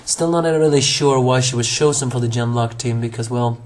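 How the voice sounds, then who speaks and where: Reviewing an anime episode solo, this hoarse young man meanders, using many fillers and often restarting or correcting himself. He has a mid-range voice with a darkish tone and speaks at normal speed.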